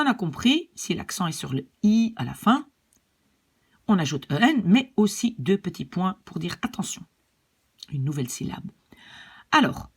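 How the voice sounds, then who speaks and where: A woman teaches a language lesson at an unhurried pace, her voice slightly breathy. She explains patiently and keeps checking that her students follow. Her pitch moves a great deal, rising high on her questions. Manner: patient, repeats and checks "d'accord?".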